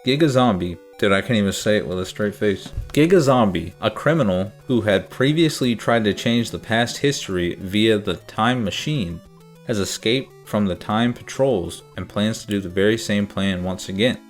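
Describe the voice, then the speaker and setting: A man narrating a comedic video game review in a deadpan, sarcastic manner. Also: fairly low pitch, normal speed, faint music behind.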